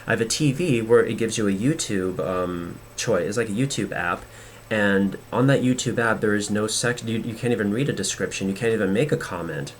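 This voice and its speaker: A man talks in a fairly low voice, hosting a casual podcast monologue. He rambles, restarts sentences and leans on fillers. A faint hiss sits under his voice. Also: brisk. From United States. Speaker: podcast host.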